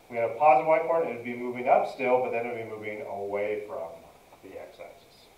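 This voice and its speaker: A man's voice: medium pitch, fast talker, darkish tone, a little hiss or hum. Distant-sounding man teaching math step by step. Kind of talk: step-by-step lesson narration, working through a problem. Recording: dull, roomy, distant mic.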